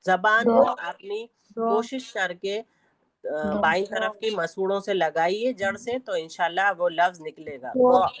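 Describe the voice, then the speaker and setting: A woman leads an online class in recitation, patiently saying each sound again and again for her students. She speaks slowly and carefully, at a middle pitch. Her voice is dry and close, with no room sound. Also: fairly bright tone, no echo. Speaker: Tajweed teacher. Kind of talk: online Quran recitation lesson. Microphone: online class audio.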